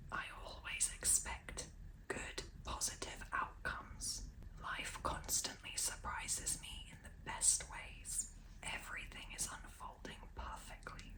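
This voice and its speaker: A woman ASMR host giving a whispered pep talk, reading out affirmations slowly and very quietly. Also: distant mic, low-quality recording.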